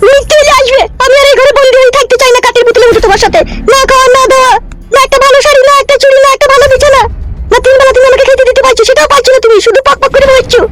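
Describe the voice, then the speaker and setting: A woman's voice: very high voice, steady tone, rapid-fire, a bit bright. A woman voicing a fed-up runaway wife in a cartoon, scornfully listing her complaints. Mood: bitter. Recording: background music.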